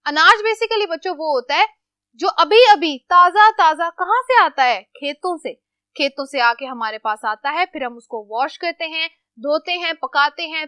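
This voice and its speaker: A woman teaching English vocabulary to children, explaining each word slowly and asking questions that she answers herself, mixing English into her Urdu. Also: very high-pitched, pushed and bright, no room sound, studio quality. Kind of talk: classroom vocabulary lesson.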